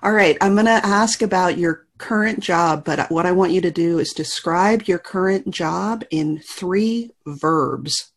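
A woman's voice: lowish voice, a little slow, hardly any pauses. A woman hosting a podcast, reading a scripted introduction and asking friendly interview questions. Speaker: podcast host.

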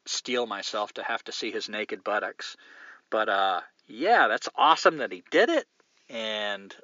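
A man's voice: fairly low pitch, bright, forceful tone, dry recording, lo-fi sound. Male podcast host, casual, profane, joking, in a car, dry sound. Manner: rambling, profane, joking, many fillers. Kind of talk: casual solo podcast reading listener mail.

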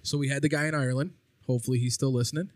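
A man's voice: mid-range voice, fairly even intonation, very fast, no echo. Laid-back swearing podcast guy, dry sound. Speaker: podcast co-host. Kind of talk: casual chat over drinks.

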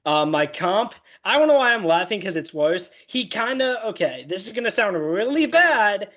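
A man co-hosting a casual football talk, self-deprecating and quick to laugh at himself. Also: sits high, very animated, bright, forceful tone. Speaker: co-host analyst.

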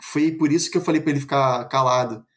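A man telling a true ghost story as a podcast guest, in a casual, animated way, full of fillers and acting out his parents' voices. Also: medium pitch, fast. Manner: frequent fillers like 'tipo' and 'assim'.

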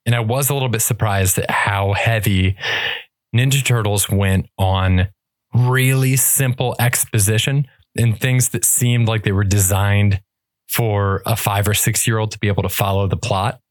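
Man, podcast co-host, animated storytelling, casual, dry close sound. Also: fairly low pitch, normal speed, no echo. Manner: animated storyteller, laughs while telling. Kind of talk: casual chat.

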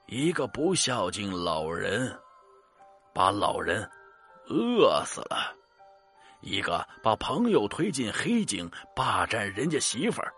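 A man voicing a scheming male water ghost who speaks in a low, hushed mutter. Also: sing-song, slow, husky, soft background music, full character voice. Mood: dismissive.

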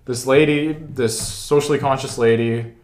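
A man's voice: medium pitch, fairly even intonation, unhurried, darkish tone. Laid-back young man telling stories, echoey. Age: young adult. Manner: laid-back storyteller, self-deprecating. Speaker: podcast co-host. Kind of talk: casual sports podcast chat. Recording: roomy echoey sound.

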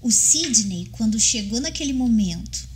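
A woman's voice: on the high side, lively intonation, normal speed, slight background noise. A woman with a Brazilian Portuguese accent co-hosting a faith podcast, explaining points and drawing comparisons. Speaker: podcast co-host.

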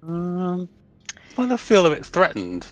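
A man's voice: sits high, huge pitch swings, slow pace. A man playing a tabletop game, talking and role-playing casually. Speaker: player.

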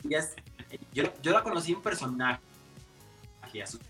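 A man with a Mexican accent, a makeup artist telling stories in a casual, lively interview. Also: fairly high pitch, measured pace, over music. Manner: animated, expressive, many fillers.

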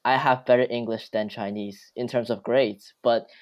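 A man from Hong Kong, the host of a student podcast, speaks at a middle pitch for a man. He asks his questions casually and curiously, hedging with "like" and "maybe" as he goes. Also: fairly even intonation, moderate pace, muffled recording. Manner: curious, casual, uses "like" and "maybe" while asking.

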